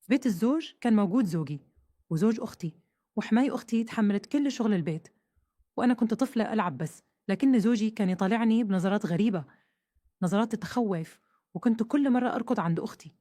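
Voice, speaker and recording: A woman narrates a first-person story at a brisk pace. Her voice is dark and mellow, and the recording is dry and close. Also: medium pitch, animated, no echo. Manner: fast, earnest storytelling.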